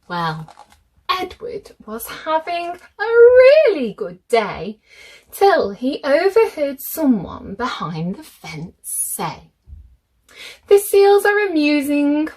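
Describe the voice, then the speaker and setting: A woman with a high-sitting voice reads a children's picture book aloud, expressive and deliberate, addressing young listeners directly.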